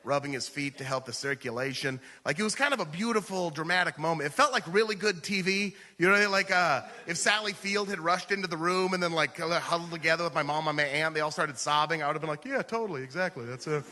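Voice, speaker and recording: An American stand-up comedian delivers comedic personal storytelling, conversational and peppered with "like" and "you know." His very bright, sharp voice sits a bit high for a man, and he talks fast with few pauses. The sound rings through a live hall with long reverb, as if from a stage microphone in a theater.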